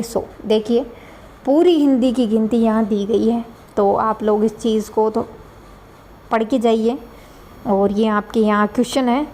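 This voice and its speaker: A woman's voice: fairly high pitch, darkish tone. A woman with a Rajasthani Hindi accent teaching an online exam-prep lesson in a chatty way, repeating words and checking in with tag questions. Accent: Rajasthani Hindi (Dhundhari). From Dhundhar region, Rajasthan.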